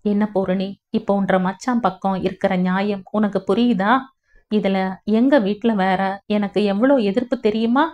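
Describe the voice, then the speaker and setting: A woman's voice: mid-range voice, steady tone, unhurried, lightly acted. A woman voicing a possessive, lovesick young village man who pleads earnestly in a storybook reading. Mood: pleading. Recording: dull lo-fi audio.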